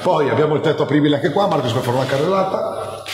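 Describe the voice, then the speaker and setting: A middle-aged man giving an informal, talkative infomercial sales pitch as a car salesman, repeating points for emphasis. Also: lively intonation, rapid-fire. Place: large indoor car showroom. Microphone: phone camera a few steps away. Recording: echoey hall, background noise.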